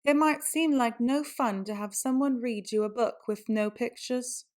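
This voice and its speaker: Woman, children's book reader, high-pitched, unhurried, theatrical, exaggerated storytelling delivery. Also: a little mellow. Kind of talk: animated read-aloud storytelling for children.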